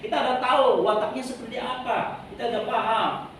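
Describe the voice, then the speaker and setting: A man's voice: extremely high pitch, fairly even intonation, fairly quick. A middle-aged man, a pastor, giving an informal, rambling sermon and leading the congregation in reading aloud. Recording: very echoey hall, distant mic, noisy.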